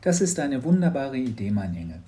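A man voicing a warm, caring mother who speaks gently and coaxingly in a children's audiobook. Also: mid-range voice, sing-song, a little fast, natural voice. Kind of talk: audiobook reading.

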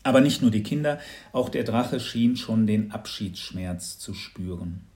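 Male narrator for a kids' Christmas storybook, playful and animated. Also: on the low side, measured pace. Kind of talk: reading a children's story aloud.

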